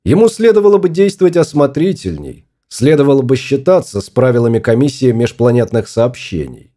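A man reading a science fiction story aloud as an audiobook narrator, in lively storytelling fashion. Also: mid-range voice, brisk. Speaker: audiobook reader. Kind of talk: scripted narration.

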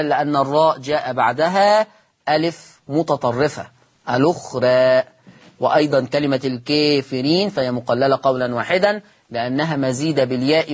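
Egyptian male teacher, mid-pitched and a bit husky, patient lesson delivery with words stretched out for students. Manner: explains patiently, drawing out example words slowly and asking listeners questions. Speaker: Quran recitation teacher. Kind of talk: televised recitation lesson.

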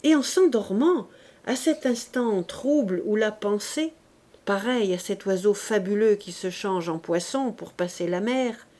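Slow, deliberate woman audiobook narrator. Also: mid-range voice, dark tone. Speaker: audiobook reader.

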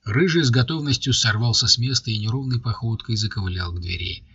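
A man narrating an audiobook in a steady, even storytelling voice. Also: mid-range voice, quick pace, husky. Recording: dry, dull lo-fi recording.

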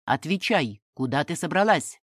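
A woman reading an audiobook and voicing a hot-headed young Roman man who demands answers and shouts oaths. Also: deep voice, expressive, a little slow, no room sound, studio quality. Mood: furious.

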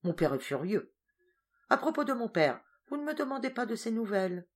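Brief: a woman reading as a confident young woman of twenty-three, teasing and brisk, pitched a little higher than the narration. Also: big pitch swings. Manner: brisk, teasing and self-assured.

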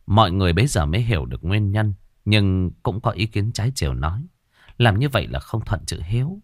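A man narrating a ghost story in an expressive storytelling manner. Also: fairly low pitch, fairly quick, no room sound, clean studio sound.

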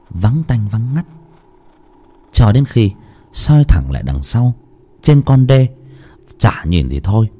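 A man's voice: on the low side, mellow. A man narrating a ghost story in a dramatic, vivid way.

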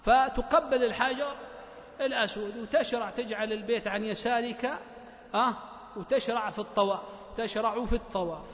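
A man's voice: very high voice, a bit bright. A man with a Libyan Arabic accent giving a religious lecture in a mosque, talking rhetorically, repeating phrases and prodding the listeners with short questions. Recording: echoey hall, slightly dull lo-fi recording.

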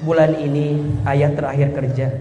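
A man voicing a subdued husband who quietly admits he has lost his job. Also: level tone, normal speed, dull audio, lightly acted. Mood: downcast. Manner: low, quiet, hesitant. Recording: echoey hall with background noise.

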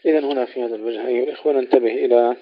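A man's voice: medium pitch, steady tone, no echo. Man teaching Quran recitation, dry lo-fi. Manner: alternates slow melodic recitation with brisk explanation. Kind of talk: tajweed lesson with recitation.

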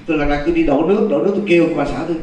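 Animated older monk. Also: male voice, fairly high pitch, very fast, slight background noise. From Vietnam. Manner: animated storyteller, voice leaps up on exclamations. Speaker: Buddhist monk teacher. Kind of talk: dharma talk storytelling. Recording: echoey hall from far off.

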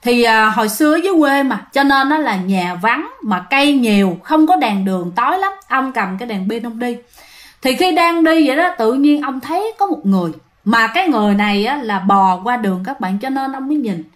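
Chatty woman telling ghost stories. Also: brisk. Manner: chatty, addresses listeners directly, lively pitch swings. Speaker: ghost story narrator. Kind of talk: casual spoken storytelling.

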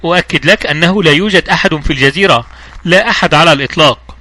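A man's voice: on the high side, rapid-fire, sharp tone, no echo. A man reading the part of a shaken male doctor. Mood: tense.

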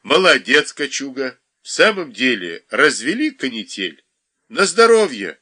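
A man's voice: medium pitch, very animated, a little slow, sharp tone, slightly rough, heavily acted. A man reading aloud, voicing a hearty man who makes toasts at the table. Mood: jovial.

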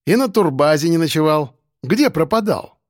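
A man plays a cocky, jeering thug spouting brash criminal slang, his animated voice on the high side and close to an everyday tone. He talks at a normal pace in a studio-quality recording with no room sound.

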